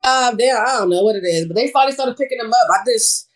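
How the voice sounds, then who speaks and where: A woman in her thirties, a podcast guest chatting casually in a relaxed way and laughing easily. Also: a little high, quick pace, low-quality recording. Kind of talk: casual chat.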